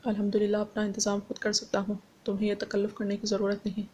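A woman reading the lines of a serious, reserved young man who speaks softly and calmly, in an audiobook. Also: medium pitch, very fast, slight background noise, natural voice. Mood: cold. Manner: calm, reserved, soft-spoken. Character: young man, cool and serious, then gently teasing.

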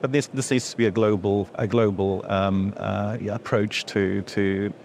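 A middle-aged man with a lowish, fairly level voice explains things in a seated interview, stopping often on fillers and false starts. He talks through a lapel mic in an indoor event room with a faint hum behind him. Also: steady tone, measured pace, gravelly, darkish tone. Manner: hesitant, many fillers and restarts, gesturing while explaining. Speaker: industry association executive. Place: indoor event room before a logo backdrop.

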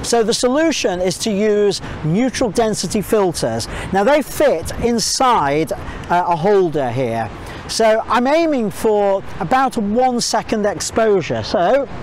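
The recording is rough, with a little hiss or hum, capturing a middle-aged man's high-pitched yet darkish voice. He's a photography tutor at a waterfall, giving outdoor instruction to a camera at mid distance via a clip-on mic. He walks through a technique step by step, thinking aloud with small fillers.

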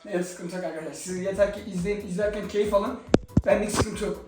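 A young man rattles off a casual vlog at a rapid clip, excitable and teasing, his voice sitting a little high. He sounds distant from the mic in a very echoey room. Music plays clearly behind him. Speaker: vlogger.

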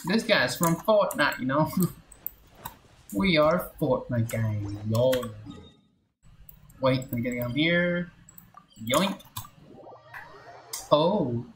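Drawing out his words and pausing at length, a man streams a video game and mutters short, playful exclamations to himself and his chat. His mid-range voice is expressive and fairly bright, with a little hiss or hum. The recording has a roomy echo with game music behind.

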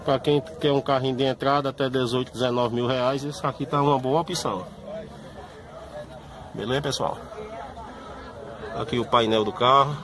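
This low-quality phone recording catches a car vlogger touring an outdoor car fair, casually chatting and saying "pessoal" again and again. He keeps a medium, fairly even pitch at a moderate pace, with long pauses. Street traffic and crowd noise run in the background.

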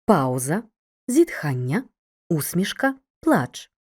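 A woman narrates a school video lesson in a clear, measured way, speaking straight to the student. Her voice sits low and mellow. Her intonation rises and falls in wide, lively swings. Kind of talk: scripted educational narration.

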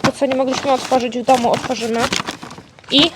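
High-voiced woman coaxing her dog. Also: fairly even intonation, a little fast, very noisy. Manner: playful, coaxing baby talk to a pet. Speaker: vlogger, dog owner. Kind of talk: casual chat to her dog. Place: indoors at home with her dog.

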